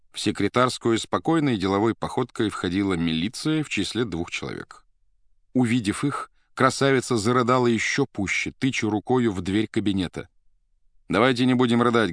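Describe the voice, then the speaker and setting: A man narrating a literary audiobook in a measured, even storytelling manner. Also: fairly low pitch, no room sound, clean studio sound.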